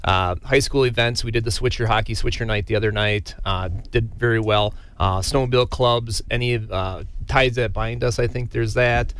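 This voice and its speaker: A man giving a casual radio interview as a business owner, in a halting, informal way. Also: medium pitch, steady tone, fairly bright tone, a little hiss or hum.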